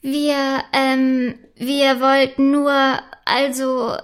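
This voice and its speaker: A woman voicing a young girl princess who is excitable and sleepy, with a bright, eager, girlish voice. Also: high-pitched, measured pace. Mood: bashful.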